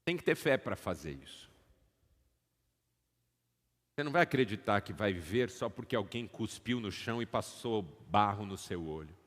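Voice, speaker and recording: A man's voice: on the low side, lively intonation, fairly quick. A man with a Brazilian Portuguese accent preaching a sermon as pastor, telling stories dramatically and calling on the congregation to respond. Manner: dramatic storytelling, rising to loud emphatic peaks; calls for audience responses. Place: church auditorium. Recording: long hall reverb.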